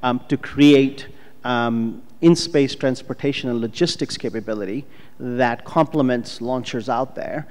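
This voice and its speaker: A man's voice: medium pitch, measured pace, a little mellow. A middle-aged man, a startup co-founder, giving fluent, businesslike panel remarks with filler ums into a handheld microphone on a conference stage. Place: large conference hall stage, indoors. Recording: long reverb of a conference hall.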